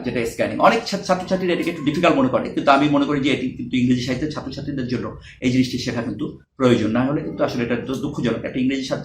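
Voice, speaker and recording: A man's voice: a little high, roomy sound, a little hiss or hum. A male university lecturer explaining exam preparation in a spoken lecture, patient, with many fillers and restarts and English terms mixed in.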